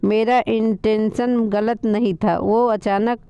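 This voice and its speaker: A woman voicing a young male boss who calmly insists on an apology, slipping English phrases into his talk. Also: mid-range voice, slow pace, smooth, no echo, dull audio. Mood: insistent.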